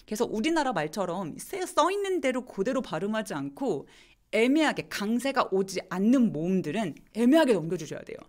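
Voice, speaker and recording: A woman teaching English pronunciation in a live online lesson, slowly demonstrating words and answering viewer questions. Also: mid-range voice, very animated.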